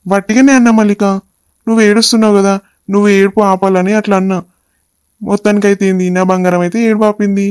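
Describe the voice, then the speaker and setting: A woman voicing a doting, quick-tempered young husband in a cartoon, coaxing. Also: mid-range voice, little pitch movement, a little mellow, clear, resonant tone, no echo, clean studio sound, close to an everyday voice. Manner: coaxing, calls his wife endearments.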